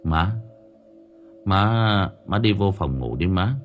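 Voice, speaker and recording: A man voicing a tired adult son gently coaxing his grieving mother to go to bed. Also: low-pitched, animated, takes it slowly, highs cut off, faint music behind. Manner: soft, coaxing.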